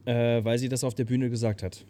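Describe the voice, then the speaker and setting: A young man telling a long story in casual chat, breaking into loud shouted impressions. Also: medium pitch, little pitch movement, fairly quick.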